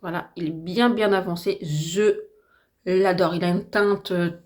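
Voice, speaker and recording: A slightly hoarse woman with a French accent chatting casually and enthusiastically through a makeup tutorial at home, with lots of fillers. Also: on the low side, fairly even intonation, measured pace, darkish tone. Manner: chatty, enthusiastic, repeats herself with many fillers. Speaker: beauty vlogger. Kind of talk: casual get-ready-with-me makeup chat.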